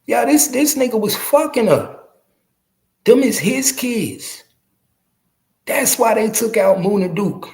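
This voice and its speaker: The speaker is a podcast host in his early forties with a high, slightly mellow, animated voice, talking at a slow pace with long pauses. His street commentary to viewers is casual, slangy and profane, and he repeats phrases for emphasis.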